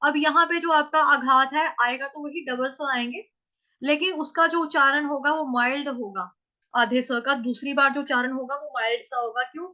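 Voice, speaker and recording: A woman teaching verse pronunciation in an online class, patiently sounding out each syllable slowly. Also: high voice, steady tone, bright, forceful tone, muffled recording. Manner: patient, drawn-out syllable-by-syllable demonstration. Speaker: Sanskrit recitation teacher.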